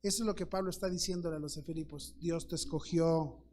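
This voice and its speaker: A man's voice: fairly high pitch, fast, slight background noise. A middle-aged man with a Mexican accent, a pastor preaching a Sunday school sermon and acting out the voices in his story, calling his listeners brother. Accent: Mexican Spanish. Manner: acts out dialogue in lively voices, addresses listeners as brother.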